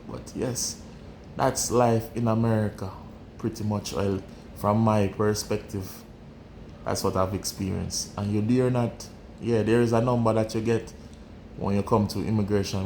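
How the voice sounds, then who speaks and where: A young Jamaican man with a Jamaican accent tells personal stories in a casual vlog, candid and blunt, often repeating his phrases. His voice is on the low side, gravelly and a little mellow, with a bit of hiss or hum.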